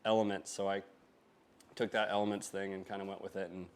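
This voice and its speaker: A young man from Norway, raised in Arizona, talking casually over slides about his motorcycle shop, halting and full of fillers. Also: sits low, level tone, slight background noise. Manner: halting, filler-heavy, laughs easily. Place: event space before a live audience.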